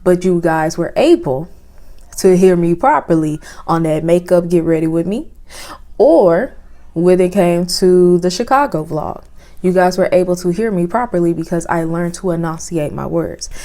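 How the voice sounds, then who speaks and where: A young woman vlogger reviews cameras at home in a casual product video, her soft, lowish voice moving at a moderate pace. She chats easily with lots of fillers, recorded indoors on a phone fitted with a clip-on lapel mic.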